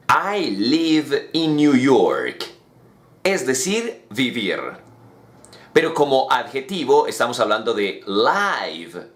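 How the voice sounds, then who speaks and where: A man's voice: mid-range voice, fairly bright tone. Man teaching English, roomy echo. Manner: slow, carefully enunciated English examples. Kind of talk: explaining English words in Spanish.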